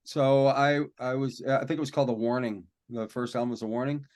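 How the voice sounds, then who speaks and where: A rock and metal singer tells stories from his life on a podcast, relaxed, rambling and poking fun at himself. His voice is mid-range and his pace quick, in the style of casual interview storytelling.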